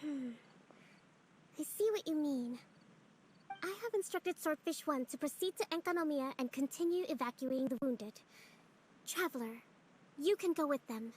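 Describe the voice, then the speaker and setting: Kokomi, a gentle high-voiced young leader. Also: female voice, expressive, moderate pace, pauses often, slight background noise. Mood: calm. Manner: gentle, composed, thoughtful. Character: calm young female island leader and strategist. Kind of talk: game cutscene voice acting. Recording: game audio with loud music.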